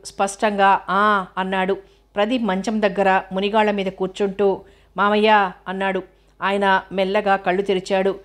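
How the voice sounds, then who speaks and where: A woman narrating a novel as an audiobook in a steady, measured way. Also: medium pitch.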